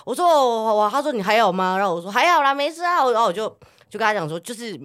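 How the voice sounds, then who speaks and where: A woman guest in a casual podcast chat, telling stories in an animated way and jumping up high when she quotes people. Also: very fast, no echo, clean studio sound. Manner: animated storytelling, high bursts when quoting.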